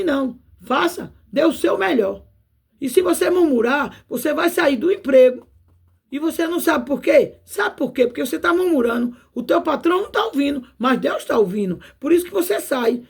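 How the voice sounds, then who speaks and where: Woman, Brazilian Portuguese accent, preacher, informal video sermon, gravelly fry, folksy tag questions. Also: high voice, darkish tone.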